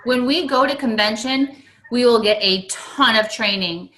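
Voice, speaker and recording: A woman's voice: on the high side, measured pace, sharp tone, roomy sound, poor audio. A woman leading a casual team call, chatty and trailing off at the ends of phrases. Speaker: team leader hosting a call.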